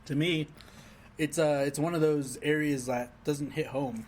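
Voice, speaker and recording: A man swapping stories with a friend on a casual podcast. He speaks animatedly and swears easily, with a voice a little high for a man. Faint background noise sits behind him. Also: steady tone, measured pace. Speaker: podcast co-host. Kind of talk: casual chat.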